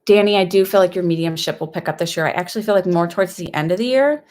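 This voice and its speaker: A young woman with a lisp, a whistling s and a slight cold, speaking fairly quietly and hesitantly in a casual livestream psychic reading. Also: on the low side, fast talker. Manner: hesitant, rambling, conversational. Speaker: psychic medium host giving live readings.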